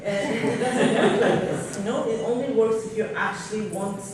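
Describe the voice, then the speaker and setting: A woman from Norway, her voice a little high and steady in tone, speaks at normal speed as a seminar panelist, candid and musing aloud with fillers. She's heard from a distance through a table mic in a spacious hotel conference room, in a noisy, echo-heavy recording.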